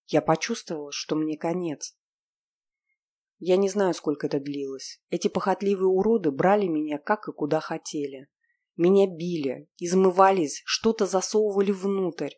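A woman's voice: on the low side, normal speed, a little mellow, breathy edge. A woman narrating a first-person story in an emotional, dramatic way.

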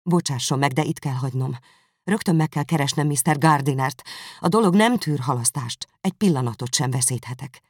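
A woman's voice: sits low, gravelly, dry recording, clean studio sound, voice pushed up. A reader voicing a distraught young woman in an audiobook, with a pleading, breathless outcry. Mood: urgent.

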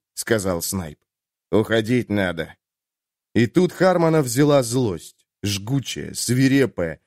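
A man's voice: medium pitch, a little mellow, no echo, studio quality. A man reading an audiobook as its narrator, in a tense, dramatic manner. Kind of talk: scripted narration.

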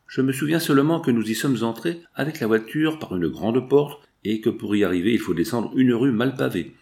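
A man's voice: medium pitch, animated, brisk, vocal fry, darkish tone. A man reading the part of a young boy who talks earnestly and directly.

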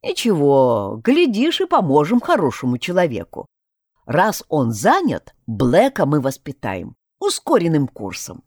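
A woman voicing a gruff, stern male dog mentor in a storybook reading, talking slowly and growling. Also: deep voice, huge pitch swings, darkish tone, dry recording, clean studio sound, full character voice. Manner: slow, growling, scolding.

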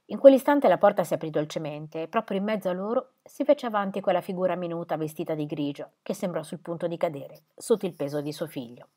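A woman narrating an audiobook with an expressive, dramatic reading. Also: fairly low pitch, fast, few pauses. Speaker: audiobook reader. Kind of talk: scripted narration.

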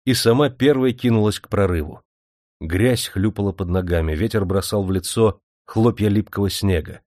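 A man narrating a novel in steady, measured storytelling. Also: fairly low pitch, dry recording. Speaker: audiobook narrator. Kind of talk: scripted narration. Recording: dry studio audiobook recording.

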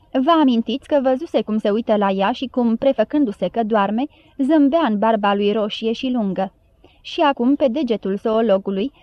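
A high-pitched woman narrates a storybook and gives its characters light voices of their own. The recording is dry and close, with a slightly dull, muffled top end. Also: dry recording. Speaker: audiobook narrator.

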